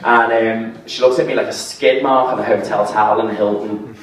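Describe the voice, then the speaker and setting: Bloke doing stand-up, deadpan then ranting, big echo, a bit far from the mic. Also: male voice, lowish voice, a little fast. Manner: deadpan, rising into exasperated rants. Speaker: stand-up comedian. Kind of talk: stand-up comedy set. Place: comedy pub venue with audience. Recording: echoey room, voice from far off.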